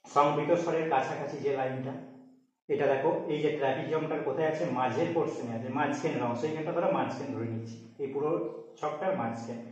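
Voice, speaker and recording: A man's voice: on the high side, steady tone, quick pace, darkish tone. A man teaching a grammar lesson at a board, explaining step by step and often asking his students if they follow. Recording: echoey room, distant mic, dull sound.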